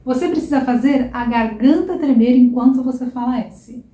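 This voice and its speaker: A Brazilian woman teaching a Portuguese lesson online, repeating example words slowly and checking in with "tá?" and "ok?". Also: sits high, mellow, reverberant. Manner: slow, drawn-out repetition of example words; checks in with frequent "tá?" and "ok?".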